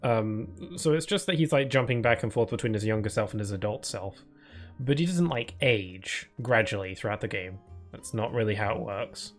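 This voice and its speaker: This streamer has a lowish, expressive voice and keeps a moderate pace, with soft music playing behind him. He responds to viewer chat aloud during casual gameplay talk, loose and full of fillers and restarts, in what he terms his permanent cold voice.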